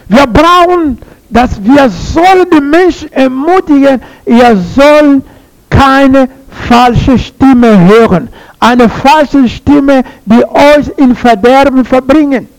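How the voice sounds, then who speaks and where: A man delivers a sermon in an unusually high, gravelly voice. He speaks slowly and deliberately. He repeats his phrases and keeps asking the congregation questions. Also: low-quality recording. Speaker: preacher.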